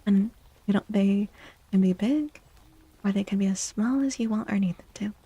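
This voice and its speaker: A woman gives a soft-spoken ASMR tarot reading on stream, speaking right into a close microphone and frequently slipping into breathy whispers. She's playful, sweet and affectionate, with a medium pitch and a normal pace. There's no room sound.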